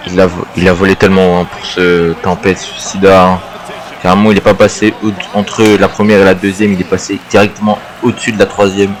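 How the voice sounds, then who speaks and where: A man working as a wrestling co-commentator, adding measured remarks on the action. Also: deep voice, little pitch movement.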